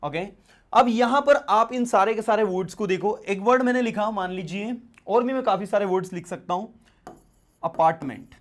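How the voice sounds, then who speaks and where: A man's voice: high voice, moderate pace. A man teaching English grammar in a casual classroom style, explaining step by step and checking in with his students as he writes words on a board. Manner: explains step by step with frequent "है ना" and "right?" check-ins.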